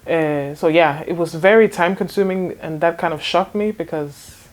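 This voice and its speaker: A woman in her twenties from Denmark answers interview questions in a relaxed, casual way. Her voice sits fairly low for a woman. She hesitates often, restarts her sentences and laughs lightly between thoughts. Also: normal speed. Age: 20s. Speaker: interview guest, fashion designer.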